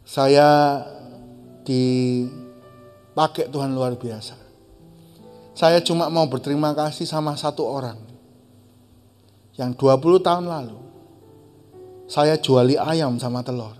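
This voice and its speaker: A man's voice: mid-range voice, slow, long pauses, a little mellow, soft background music, close to an everyday voice. A man voicing a male preacher giving an earnest, grateful testimony.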